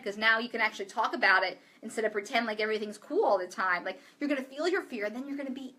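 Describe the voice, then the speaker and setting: Bright, blunt-talking woman mentor. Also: a little high. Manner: candid and profane, with many filler likes. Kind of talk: casual direct-to-camera talk.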